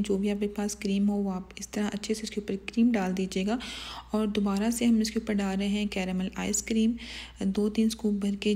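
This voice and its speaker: Mellow-voiced woman narrating a recipe. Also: medium pitch. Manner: calm step-by-step instructions with soft asides. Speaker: cooking channel host. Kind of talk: recipe voice-over.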